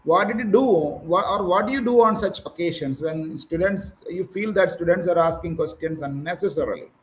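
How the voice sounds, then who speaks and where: A man with an Indian English accent leads a spoken English practice session over a video call. His voice sits notably high, and he prompts teachers with questions and encouraging advice. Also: moderate pace, poor audio. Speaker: English speaking trainer. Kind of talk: online speaking practice session.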